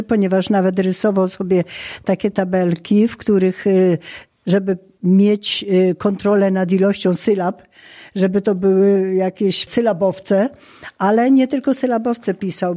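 A woman who teaches Polish literature, speaking in a measured way with frequent hesitation sounds in a documentary interview. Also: mid-range voice, fairly even intonation, dark tone.

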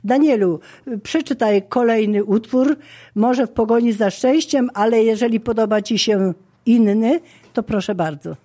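A woman who teaches Polish literature, speaking in a measured way with frequent hesitation sounds in a documentary interview. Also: on the high side, warm tone.

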